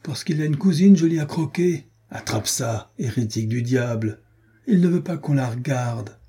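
A man's voice: medium pitch, warm tone, slightly rough, close to an everyday voice. A man voicing a mocking young nobleman who jeers and taunts his rival. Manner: jeering, quick with taunts.

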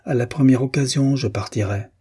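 A man's voice: mid-range voice, fairly quick, mellow, slightly rough, pitched above the performer's own voice. A man voicing a proud, frightened young wife in an audiobook reading, curt and defiant.

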